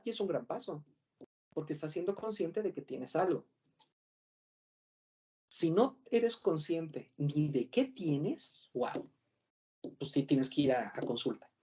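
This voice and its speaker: A Mexican-accented man plays the professor in a mock lecture, with a dark, mellow tone. He rambles and stumbles over his own words, then throws rhetorical questions at the class. The recording sounds dull and lo-fi. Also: a little high. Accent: Mexican Spanish.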